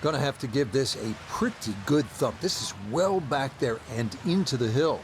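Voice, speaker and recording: A man giving measured, polished golf commentary as the lead announcer of a televised tournament in a video game. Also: medium pitch, expressive, slight background noise, close to an everyday voice. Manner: measured, polished broadcast delivery.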